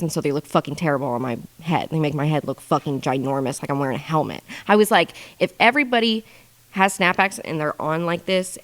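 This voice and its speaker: Profane, rambling young woman. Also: sits low. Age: 20s. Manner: profane, rambling, deadpan with bursts of laughter. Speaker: podcast guest. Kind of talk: casual storytelling monologue.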